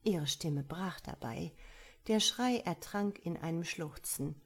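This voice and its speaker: A woman narrating a story as an audiobook reader in a calm, measured way. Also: lowish voice, husky.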